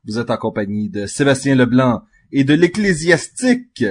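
A man's voice: mid-range voice, very animated, moderate pace, slightly rough. A man with a Quebec French accent hosting a casual podcast chat, hesitant with many fillers. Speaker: podcast host.

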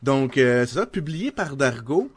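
A man's voice: medium pitch, sing-song, unhurried, a crowd in the background. A man with a Québécois accent co-hosting a casual chat, apologetic and playful. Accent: Québécois French. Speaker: podcast co-host.

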